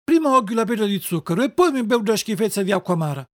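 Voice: mid-range voice, very animated, racing, no echo, clean studio sound, natural voice. A reader voicing a stubborn, whining wooden puppet boy in a dialect, from sulky protests to wailing pleas. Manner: wailing, pleading, petulant.

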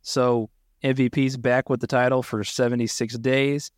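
A man's voice: mid-range voice, level tone, normal speed, no echo, clean studio sound. A man co-hosting a wrestling podcast, enthusiastic, reading out title history in casual chat. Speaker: podcast co-host.

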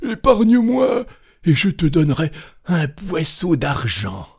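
A man's voice: fairly high pitch, wildly swooping pitch, takes it slowly, creaky, husky, voice pushed up, exaggerated voice. A man voicing a terrified male church cantor trapped in a chest, pleading shrilly in a storybook reading.

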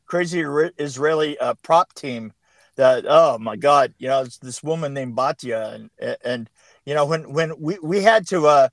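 High-voiced rambling male storyteller. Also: normal speed, no echo. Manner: rambling storyteller, frequent restarts and laughter. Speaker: production designer guest. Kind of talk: casual interview chat.

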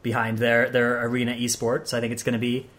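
A man's voice: medium pitch, monotone, fast talker, fairly bright tone. A man hosting a podcast, chatting casually with lots of hesitations and fillers. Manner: rambling, hesitant with many fillers. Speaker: podcast host.

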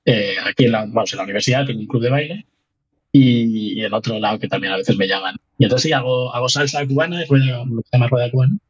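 In this casual interview, a Spanish guest researcher with a Spanish accent talks fast in a medium-pitched, slightly rough voice. He's animated, laughs a lot, and keeps starting his sentences over. The audio is muffled.

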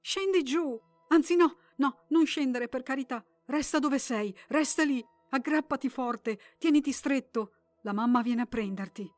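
A woman voicing a terrified young mother who frantically shouts and pleads with her child. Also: high voice, measured pace, few pauses, no echo, soft background music, voice pushed up. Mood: panicked pleading.

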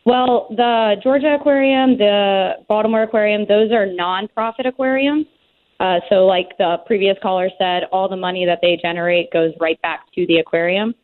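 A woman's voice: medium pitch, moderate pace. A young woman from Maryland chatting casually and in a friendly way as a caller on a phone. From Maryland, United States. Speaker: caller, aquarium scuba diver. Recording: narrow tinny phone line.

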